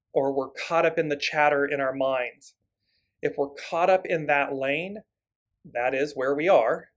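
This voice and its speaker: A man hosting a live spiritual talk, excited and fast, stacking up repeated phrases as he greets viewers. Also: fairly high pitch. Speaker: spiritual teacher and host.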